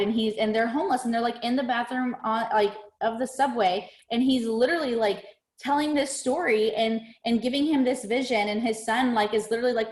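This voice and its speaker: Gushing chatty woman in an echoey room. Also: fairly high pitch. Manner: gushing, chatty, says "dude" and "like" a lot. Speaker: host. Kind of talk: casual chat.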